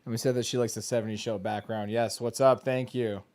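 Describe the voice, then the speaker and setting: A man's voice: mid-range voice, level tone, brisk, darkish tone. A man hosting a casual sports betting chat, joking and rambling. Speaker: host.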